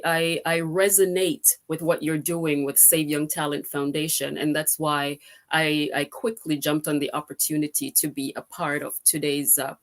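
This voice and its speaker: A middle-aged woman from Jamaica speaking as a guest on an online forum over a video call, grateful and chatty with many fillers. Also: low-pitched. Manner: warm, grateful, with frequent fillers.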